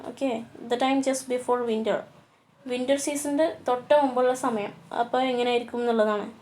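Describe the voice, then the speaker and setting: A woman teacher lecturing on a poem, slowing to a deliberate pace on the English lines and pausing on fillers as she explains. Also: a little high, steady tone, darkish tone, slight background noise. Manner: switches to slow, deliberate reading for English lines; hesitant, with many fillers. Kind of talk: poetry lecture.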